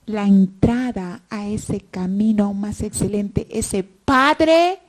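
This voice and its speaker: A woman's voice: medium pitch, slow pace. A woman preaching a Sunday sermon, often dropping to near whispers and rising to fervent cries.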